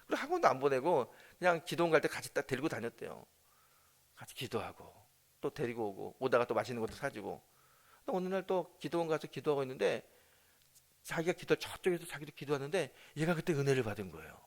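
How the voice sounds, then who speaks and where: A man's voice: mid-range voice, big pitch swings, fast talker, vocal fry. A man preaching as a senior pastor at an early morning service. He tells a family story, acts out the dialogue and turns to the congregation with questions. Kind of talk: sermon with storytelling.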